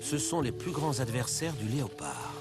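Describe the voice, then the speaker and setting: A man narrating a nature documentary from a script, in a measured, dramatic storytelling manner. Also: mid-range voice, sing-song. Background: loud background music.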